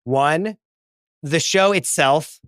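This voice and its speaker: A man's voice: a little high, drawn-out words, fairly bright tone, no echo, studio quality. A man co-hosting a pop culture podcast, gushing and emphatic, with a lot of "like". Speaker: podcast co-host. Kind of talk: casual pop culture chat.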